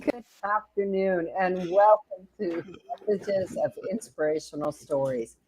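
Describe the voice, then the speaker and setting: A woman co-hosts an inspirational talk show in a lowish voice. She sounds upbeat and chatty and speaks straight to the viewers. Her tone stays casual and friendly. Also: measured pace, a little mellow, slight background noise. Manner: upbeat, laughing, addresses viewers as folks. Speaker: co-host.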